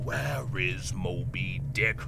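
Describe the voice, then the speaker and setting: An actor playing an obsessed old whaling captain in an audio drama, imperious and grandiloquent, erupting from brooding mutters into roars. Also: male voice, low-pitched, slow, vocal fry, very noisy, heavily acted. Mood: obsessed ranting. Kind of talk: theatrical audio drama acting with archaic speech.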